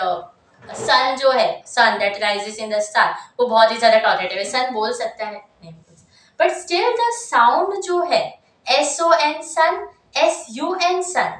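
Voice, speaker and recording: A young woman teaching an exam-focused English grammar lesson in a lively, chatty way, full of asides and repeated checks. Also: on the high side. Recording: roomy, mic set at a distance.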